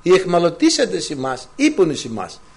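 Animated male preacher, high-pitched and lively. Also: gravelly, breathy edge. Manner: animated, rhetorical questions, quotes scripture. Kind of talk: sermon.

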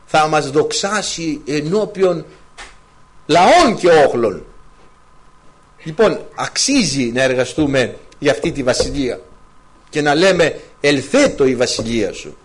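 A male preacher delivers a sermon in a fairly high voice that leaps up and down in pitch. He asks the congregation question after question and weaves in scripture. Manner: animated, rhetorical questions, quotes scripture.

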